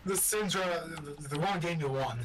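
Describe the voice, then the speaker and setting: A man's voice: on the high side, noisy background. Teasing young man friend. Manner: teasing, slangy, halting. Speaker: friend of the host. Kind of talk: casual teasing chat.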